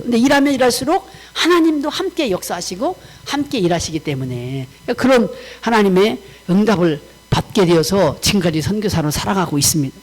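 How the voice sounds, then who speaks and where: Animated woman missionary giving testimony. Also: mid-range voice, rough recording. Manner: animated storytelling, acting out remembered dialogue; warm, conversational, mixing casual and polite speech. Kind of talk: personal testimony talk to a congregation.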